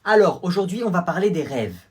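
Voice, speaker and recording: A comedian playing a female schoolteacher in a comedy sketch, speaking in a brisk, raised classroom voice. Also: mid-range voice, sing-song, a little hiss or hum, natural voice. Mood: teacherly. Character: female schoolteacher asking pupils about dreams. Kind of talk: comedy sketch role-play.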